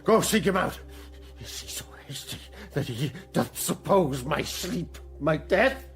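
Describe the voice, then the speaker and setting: Elderly ailing king, highish pitch, wide swings, declamatory, bitter, classical radio play. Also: animated. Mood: anguished, suspicious. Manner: declamatory, theatrical, drawn-out, swelling from murmurs to shouts. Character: old dying king, ailing, bitter, grieving, raging at his son. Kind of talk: classical Shakespearean radio drama acting. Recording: studio radio drama with music behind.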